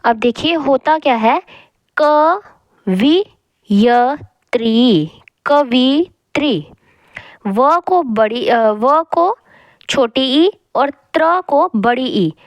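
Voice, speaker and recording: A woman teaching a Hindi grammar lesson, speaking slowly and repeating each word as she drills spellings aloud. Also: sits high, expressive, no echo. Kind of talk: classroom lesson explaining spelling.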